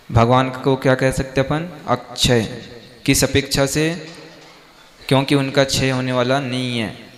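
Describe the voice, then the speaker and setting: A man, a Jain monk, teaching a Sanskrit hymn, correcting pronunciation and explaining the verse in a brisk conversational way. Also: mid-range voice, big-room sound. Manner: slow drawn-out chanting, then brisk conversational explanation.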